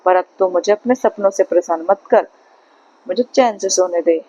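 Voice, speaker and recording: A woman voicing a gruff, short-tempered male demon woken from sleep in a storybook tale, on a slightly muffled recording. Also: on the low side, moderate pace, dark tone, dry recording, natural voice. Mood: grumpy.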